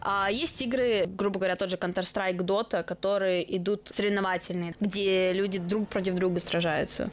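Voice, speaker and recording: A young woman from Russia, guest on a casual podcast, tells stories with lively acted-out quotes. Her voice sits at an ordinary middle pitch for a woman. She works as a streamer and esports caster. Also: normal speed, hardly any pauses. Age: 20s.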